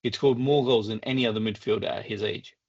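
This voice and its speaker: A man, co-hosting a podcast and chatting casually, rambling with quick restarts. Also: lowish voice, fairly even intonation, darkish tone, dull audio. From England. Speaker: podcast co-host. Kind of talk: casual chat.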